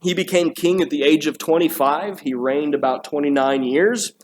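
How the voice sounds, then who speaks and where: A man preaching a sermon in a church, talking in a loose conversational way with restarts and quick asides to the congregation. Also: a little high, slight background noise. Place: church sanctuary.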